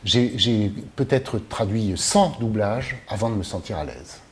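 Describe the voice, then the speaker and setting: Fairly low in pitch yet animated, he keeps a measured pace while fielding interview questions. The speaker, a Mediterranean man who teaches and translates films, is reflective and halting, with many fillers and false starts. There is a faint hiss of background noise.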